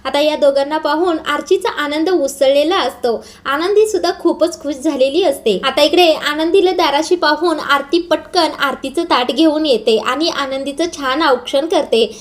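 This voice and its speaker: A woman narrating an episode recap, telling it in a steady storytelling way. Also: high-pitched. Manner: steady storytelling, starts lines with "now".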